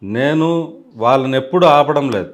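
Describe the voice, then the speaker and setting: A man's voice: medium pitch, animated, normal speed. A man, a district party president, answering interview questions firmly and dismissively. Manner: firm, dismissive, repeating points.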